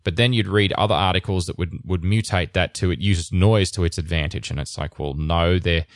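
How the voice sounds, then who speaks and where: A deep-voiced man hosts a casual technical podcast, talking a little fast, rambling, restarting sentences and laughing often. The recording is dry and close, with no room sound.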